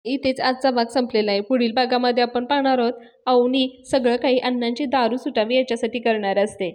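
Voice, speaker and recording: A woman with a high voice retelling a serial episode in a chatty, casual way. She narrates conversationally and often laughs along with the story. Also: fairly even intonation, brisk, darkish tone. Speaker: serial reviewer.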